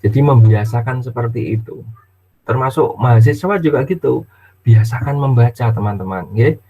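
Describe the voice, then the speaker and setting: A man's voice: mid-range voice, normal speed, husky. A middle-aged male university lecturer, giving a casual online lecture and acting out little dialogues with his child. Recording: tinny phone-like audio.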